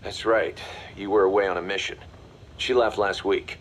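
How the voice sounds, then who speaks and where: Actor as a low-voiced, hard-nosed mercenary deputy. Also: male voice, steady tone, normal speed, a little hiss or hum, close to an everyday voice. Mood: matter-of-fact. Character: brisk, hard-nosed male mercenary second-in-command. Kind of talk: video game voice acting, mission briefing dialogue.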